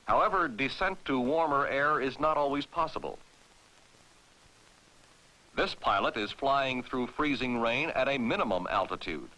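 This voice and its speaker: Narrating a 1960s military training film, heard on a vintage soundtrack, an American man speaks formally and authoritatively with clear enunciation. His medium-pitched voice is animated, bright and forceful, delivered at a measured pace over poor audio.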